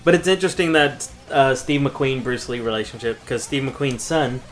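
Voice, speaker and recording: A man's voice: medium pitch, moderate pace. A man in his thirties co-hosting a podcast, chatting casually about a movie, laid-back and profane, often laughing. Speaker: podcast co-host.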